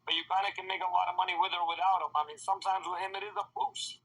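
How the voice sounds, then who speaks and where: Male stream host, high and bright with a husky grain, loose slangy trading chat. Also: little pitch movement, very fast, low-quality recording. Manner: loose, slangy, talks straight to viewers.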